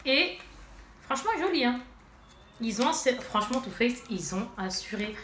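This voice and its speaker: A woman's voice: fairly high pitch, animated, moderate pace, fairly bright tone. A woman vlogger with a stuffy nose from allergies, chatting casually to her viewers as she shows and swatches makeup. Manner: chatty, addresses viewers directly, many fillers. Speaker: beauty vlogger. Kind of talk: casual haul and swatch demo. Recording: echoey room, faint noise.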